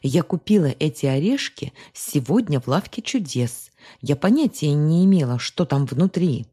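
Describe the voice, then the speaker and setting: A woman's voice: low voice, animated, normal speed, mellow, slightly rough. A woman voicing a young woman who protests she is not to blame in an audiobook story. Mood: pleading. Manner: pleading, defensive.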